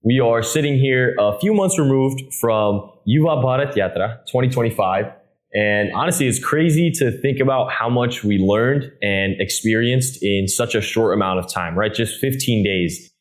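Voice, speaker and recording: A man in his twenties hosts a podcast in a relaxed, friendly manner, dropping plenty of "uh" fillers. His voice is mid-range and he talks at a normal speed.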